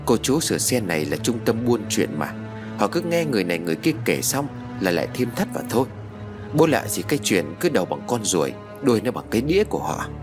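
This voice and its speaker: A man voicing a gruff, skeptical father who scolds dismissively. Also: fairly low pitch, big pitch swings, fast talker, over music. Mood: scolding.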